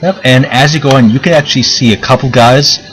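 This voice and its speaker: A man's voice: mid-range voice, a little fast, fairly bright tone, poor audio. A man running a tabletop game as game master, narrating casually in a hesitant, chatty, jokey way. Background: background game music.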